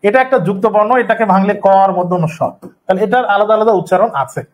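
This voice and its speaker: A man's voice: high-pitched, fast. A man teaching a live online exam-prep lesson, explaining step by step and repeating the key terms.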